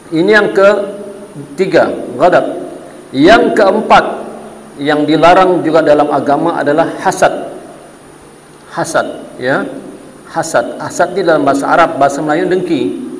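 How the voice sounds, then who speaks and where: A man's voice: a little high, a little hiss or hum. A man giving a religious lecture, telling jokey stories with acted quotes. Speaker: preacher. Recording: long hall reverb, faint ambience.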